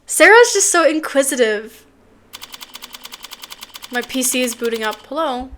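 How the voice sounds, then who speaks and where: A young woman streaming, chatting casually in a bubbly, excitable way with quick asides. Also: high-pitched, noisy background. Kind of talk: casual live-stream chat.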